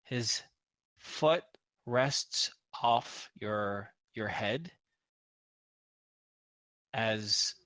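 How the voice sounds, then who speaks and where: A man's voice: fairly low pitch, drawn-out words, long pauses, fairly bright tone, no room sound. A man acting as game master, narrating and refereeing a tabletop role-playing game in a conversational, explanatory way.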